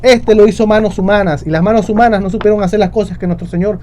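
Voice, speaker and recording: A man with a high voice delivers a sermon, repeating his key phrases and calling out to his brothers in the faith. A faint hiss of noise sits under the recording. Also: steady tone, fast talker, a little mellow. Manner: preaching with repetition, addressing "hermanos". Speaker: preacher.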